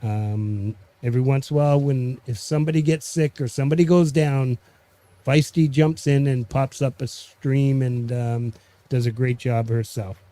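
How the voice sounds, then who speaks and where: A man with a French Canadian accent hosting a casual, unscripted live stream, halting and pausing mid-sentence. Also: mid-range voice, fairly even intonation, mellow, no room sound. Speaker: host of a music community live stream.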